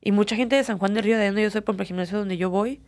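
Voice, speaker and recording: A woman's voice: medium pitch, racing, a little mellow, dry recording. A young woman with a Mexican accent, an MMA fighter telling her story earnestly in an interview, with many fillers. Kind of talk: candid personal interview.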